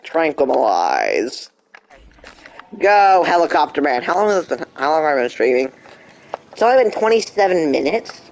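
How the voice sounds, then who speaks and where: A man's voice: a little high, lively intonation, brisk, slight background noise. A young man streaming a game, chatting casually and talking back to the game in mock frustration. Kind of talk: casual live gameplay commentary.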